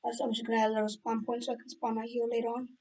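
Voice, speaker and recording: A woman hosts a casual coding tutorial while she is losing her voice, so her speech comes out hoarse. Her voice sits fairly high but stays flat and even in pitch. She rambles, restarts sentences and fills pauses as she works. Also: rough recording. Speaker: tutorial host. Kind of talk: screen-recorded coding tutorial.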